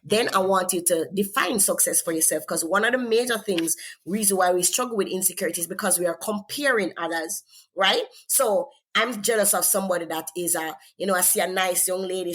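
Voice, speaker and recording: Her voice runs low and a bit bright as this guest author, who has a Jamaican accent, shares faith-centered encouragement in an interview. She comes across as earnest and tends to repeat words while thinking.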